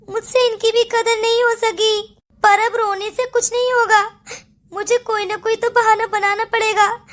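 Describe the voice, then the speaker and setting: Brief: a woman voicing a squeaky, very high-pitched cartoon sister-in-law, guilty and scheming, anxious and tearful. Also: a bit bright. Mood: regretful. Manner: tearful, anxious self-talk. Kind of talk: Hindi cartoon story dub.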